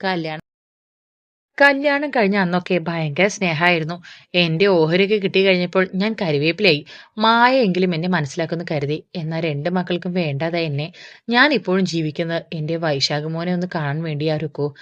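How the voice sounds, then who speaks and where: A weary older mother pours out her grievances in a confiding, sorrowful tone, read by a woman narrator. Dry and close, a little low. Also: fairly quick, no echo, muffled recording, close to an everyday voice.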